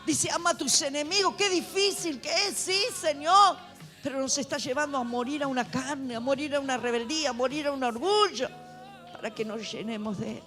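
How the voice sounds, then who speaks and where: Lady preaching in church, high pitched, gets fervent and shouty, faint music. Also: a little fast. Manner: fervent, rising to shouts, repetitive exhortation. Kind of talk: sermon. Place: church sanctuary.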